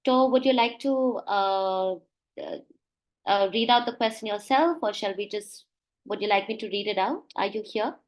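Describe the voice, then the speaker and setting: Woman moderating a panel call, courteous and hesitant, with a medium-pitched voice. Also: moderate pace, poor audio. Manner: polite, hesitant, many fillers.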